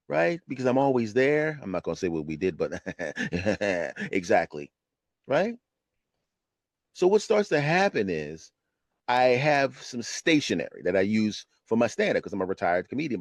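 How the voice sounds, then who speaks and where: A man in his fifties, a retired comedian, telling a personal story on his podcast in an animated, conversational way. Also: medium pitch, gravelly, no echo. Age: 50s. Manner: animated, conversational, keeps asking "right?". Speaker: podcast host.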